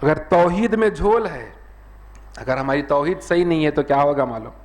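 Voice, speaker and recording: A male preacher with a Hyderabadi Urdu accent giving an earnest sermon, often filling pauses with a stock phrase and lifting his voice to act out dialogue. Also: fairly high pitch, expressive. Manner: earnest, repeats "jo hai na" as a filler, raises his voice when acting out dialogue.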